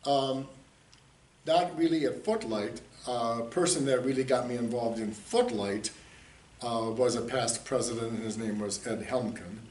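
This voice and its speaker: A man's voice: medium pitch, normal speed, a little mellow. A man in his sixties, raised in the United States, answering interview questions in an easygoing, rambling way with chuckles. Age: 60s. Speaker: interviewee, community theater director. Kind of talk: casual interview talk. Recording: roomy echo, distant mic, faint hiss.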